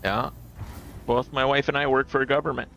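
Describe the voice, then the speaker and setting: A man's voice: medium pitch, little pitch movement, brisk, gravelly, pushed and bright, a little hiss or hum, low-quality recording. A middle-aged man hosting a casual gaming livestream, rambling and chuckling as he tells stories. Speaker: livestream host.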